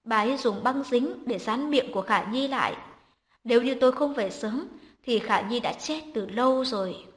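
A woman narrator voicing a gentle young mother who speaks with indignant outrage in an audio story. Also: on the high side, moderate pace, lightly acted. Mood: accusing. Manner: indignant, pleading.

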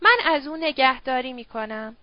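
A woman's voice: high-pitched, dry recording, dull audio, natural voice. Javid, a woman reading a stern young man. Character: stern young male Zoroastrian, guarded and protective.

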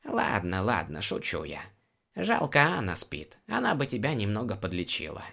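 A man's voice: fairly low pitch, huge pitch swings, moderate pace, gravelly, pushed and bright, pitched above the performer's own voice, heavily acted. A male audiobook reader voicing a stern, teasing female shaman healer. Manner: scolding, teasing.

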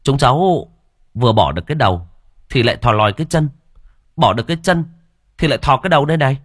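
A man's voice: medium pitch, lively intonation, quick pace, breathy edge, dry recording, studio quality, pitched above the performer's own voice. A man voicing a flustered young village helper who complains in a whiny, exasperated way.

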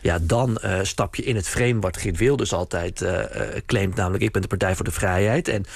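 A man commenting on politics on a radio panel, giving blunt, measured opinions. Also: sits low, vocal fry, dry recording. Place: radio studio.

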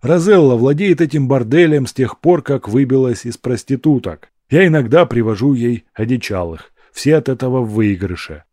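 A man voicing a scrappy, chatty young hustler who talks quickly and cheekily. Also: medium pitch, warm tone, no room sound, clean studio sound, lightly acted. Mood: explaining.

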